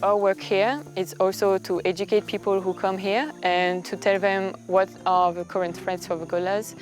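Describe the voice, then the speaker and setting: A woman's voice: medium pitch, fairly even intonation, moderate pace, over music. A woman who works in conservation, explaining things in an unscripted documentary interview. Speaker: gorilla conservation worker.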